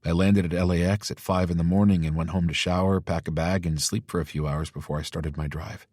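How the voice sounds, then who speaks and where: A man voicing a teasing, tender young male lover in an audiobook, speaking softly and intimately. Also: sits low, steady tone, fairly quick, dry recording, studio quality. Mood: tired.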